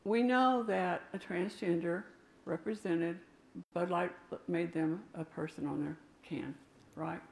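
Gravelly older woman preaching in echoing church. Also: lowish voice, slow, darkish tone. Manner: emphatic, gesturing preaching with asides. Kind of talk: sermon. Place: church sanctuary. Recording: echoey church room.

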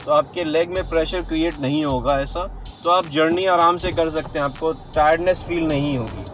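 A man's voice: on the high side, moderate pace. A man explaining clutch use step by step while he drives, with fillers and restarts. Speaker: driving instructor. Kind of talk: casual in-car driving tutorial. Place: inside a car on a city road. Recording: car and road noise behind.

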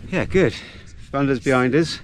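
A middle-aged hiking vlogger talks casually to camera and his dog on a mountain ridge, using an action camera on a pole. His voice is medium in pitch and moderate in pace, and a little hiss or hum is audible.

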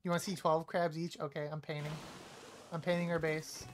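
A woman streaming a live game, trash-talking playfully, apologizing to teammates and suddenly yelling when a play goes wrong. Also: low-pitched, level tone, a little fast, soft background music. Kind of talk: live gameplay commentary.

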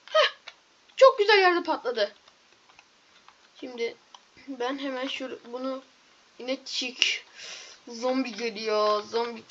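A woman with a high voice narrates her game in a rush of yelps and pleas, then drops to quick low muttering. The recording sounds dull and lo-fi, with a faint hiss underneath. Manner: excitable, pleading and yelping at mobs, then muttering low. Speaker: gaming YouTuber. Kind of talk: Minecraft gameplay commentary.

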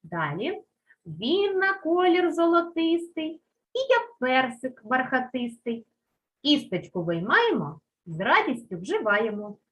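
A woman teacher gives a lesson to young children in a high, sweetly animated voice. She speaks slowly and draws out the words she wants them to remember, then checks in with coaxing questions. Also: dull audio. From Ukraine. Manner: drawn-out stress on key words, coaxing questions. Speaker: primary school teacher.

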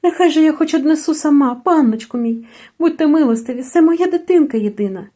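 A woman's voice: high-pitched, animated, normal speed, a little mellow, voice pushed up. A woman reading a story, voicing a desperate young peasant mother who pleads in tears. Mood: pleading. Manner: pleading, tearful.

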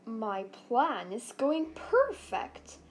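A woman voicing a sly, scheming male pirate captain who talks slowly and gloats. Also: on the high side, very animated, a little hiss or hum, exaggerated voice. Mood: gloating. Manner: slow, gloating and drawn-out.

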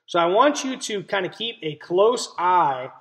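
In a high, sing-song voice and an unhurried pace, a young man leads a read-aloud lesson for small children. He explains things simply and emphasizes key words, recording in a small indoor room at home on a webcam or laptop mic held at arm's length.

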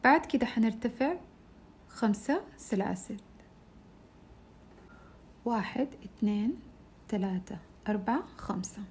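A woman's voice: fairly high pitch, animated, measured pace, pauses often, a little mellow, slight background noise. A woman teaching a crochet shawl step by step, patiently counting stitches aloud. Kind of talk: step-by-step tutorial.

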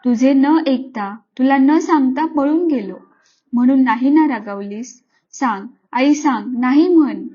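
A woman's voice: sits high, unhurried, warm tone. A woman voicing a remorseful young boy who earnestly pleads with his mother. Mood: pleading. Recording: slightly dull lo-fi recording.

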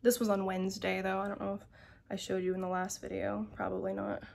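Speaking quickly in a flat, gravelly, darkish mid-range voice, this young vlogger chats to camera from her bedroom, with a little hiss or hum in the background. She rambles casually, filling her talk with likes and ums.

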